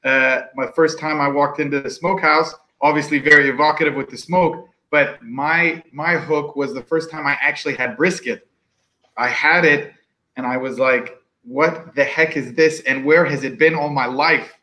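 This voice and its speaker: Relaxed man telling stories on a video call. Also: fairly high pitch, moderate pace, low-quality recording. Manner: relaxed storyteller, acts out quoted customers. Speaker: pitmaster guest. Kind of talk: casual video-call chat. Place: room with bookshelves. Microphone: video call from home.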